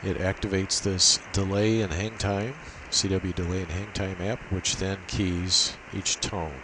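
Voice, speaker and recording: There's a constant hiss and noise behind this man as he gives an unscripted, methodical technical walkthrough of a setup. An amateur radio demonstrator, he talks in a low voice at a measured pace.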